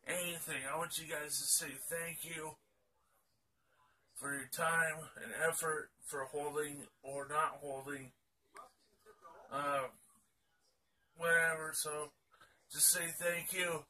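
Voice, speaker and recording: A man's voice: a little high, flat delivery, takes it slowly, pauses often, bright, forceful tone, recorded from a distance. A tired, sleepy man rambling casually to his vlog viewers, with lots of restarts. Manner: rambling, many fillers and restarts. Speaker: YouTuber.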